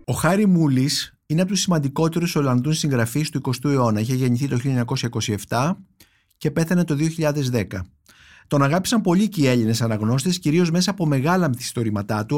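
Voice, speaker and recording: A man reading a translated poem aloud in a measured, reflective way, then recommending books on his podcast with many thoughtful pauses and fillers. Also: a little high, expressive, darkish tone. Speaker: podcast host, book critic.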